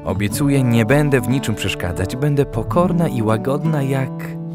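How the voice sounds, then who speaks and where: A man voicing a gentle, teasing young woman in an audiobook, in a soft, coaxing way. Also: medium pitch, normal speed, over loud music, pitched above the performer's own voice, close to an everyday voice.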